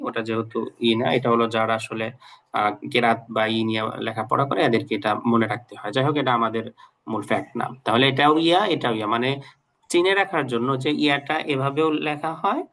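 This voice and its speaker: A man teaching an online Quran reading class, patiently repeating letter sounds slowly for his students. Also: mid-range voice, pushed and bright.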